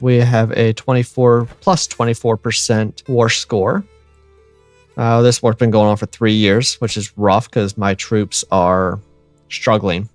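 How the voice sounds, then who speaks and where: A man hosting a let's-play, chatting in a relaxed way and reading game events aloud. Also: mid-range voice, no echo. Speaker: gaming channel host.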